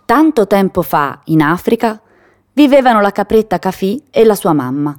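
A woman narrating a children's fable in a calm, measured storytelling manner. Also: mid-range voice.

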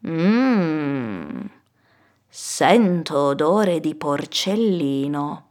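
A woman voicing a hungry, sly male wolf in a children's storybook, low and drawn out. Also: very animated, a little mellow, heavily acted. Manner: slow, low, drawn-out menacing voice.

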